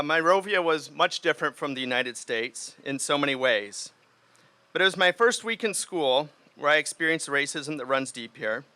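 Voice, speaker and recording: Earnest middle-aged guy giving a campaign speech outdoors, bright clear voice, dry sound, lots of uhs. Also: medium pitch, dry recording. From Liberia. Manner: earnest, speaks off the cuff with fillers. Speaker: mayoral candidate. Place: outdoors in the rain.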